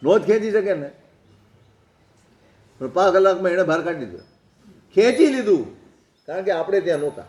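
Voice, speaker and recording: A man's voice: high-pitched, big pitch swings, moderate pace, pauses often, darkish tone. A man preaching a sermon, telling stories and asking rhetorical questions. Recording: echoey hall.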